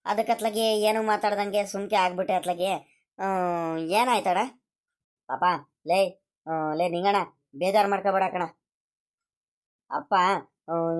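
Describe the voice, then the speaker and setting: A woman voicing a gentle grown child of a village family in a cartoon, a peacemaker. She speaks in a pleading, soothing way, repeating her calls. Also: mid-range voice, close to an everyday voice. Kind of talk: cartoon voice acting.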